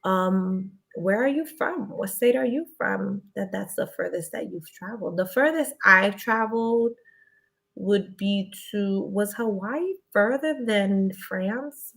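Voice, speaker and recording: She's a young Connecticut woman who grew up speaking Spanish first, and she talks slowly in a creaky, mid-range voice. Chatty and quick to laugh, she reads comments aloud from her live stream and responds to them.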